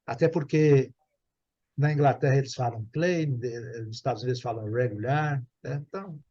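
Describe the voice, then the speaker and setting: Um professor de inglês brasileiro dando aula online, paciente, repetindo e conferindo se o aluno entendeu. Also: male voice, mid-range voice, normal speed, dark tone, husky, muffled recording. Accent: Brazilian Portuguese. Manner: patient, repeats and checks understanding. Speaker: English teacher. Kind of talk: online English class.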